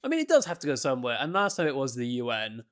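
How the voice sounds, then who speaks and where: A man co-hosting a podcast in casual chat, animated and joking, often breaking into laughter. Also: medium pitch, rapid-fire. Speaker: podcast co-host.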